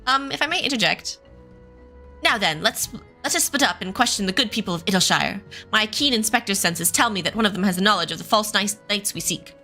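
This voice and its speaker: A woman voicing a pompous, theatrical and oblivious gentleman inspector from a game, with florid phrasing. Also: medium pitch, lively intonation, a little fast, faint music behind. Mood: pompous, cheerful.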